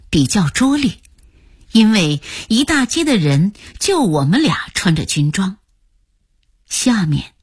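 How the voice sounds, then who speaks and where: An audiobook narrator, a woman with a mid-range, breathy voice, slowly reads scripted narration from a novel. The studio sound is clean, with no room sound.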